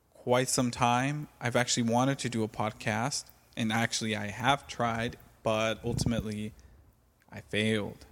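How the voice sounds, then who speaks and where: Halting man, flat voice, reverby room. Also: mid-range voice. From California. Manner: hesitant, many fillers and restarts. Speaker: podcast host. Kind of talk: casual solo podcast monologue.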